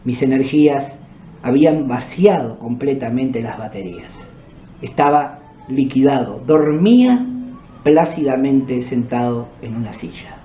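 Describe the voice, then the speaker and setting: Warm and mid-range, with lively intonation and a measured pace, a podcast host with a Uruguayan accent relates his own paranormal experiences conversationally. Background noise and echo fill the room.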